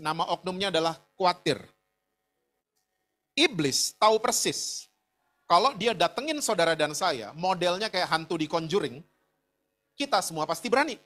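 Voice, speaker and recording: A man's voice: fairly high pitch, fairly bright tone. A middle-aged man preaching a sermon, telling a personal story with frequent asides to the congregation. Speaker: pastor.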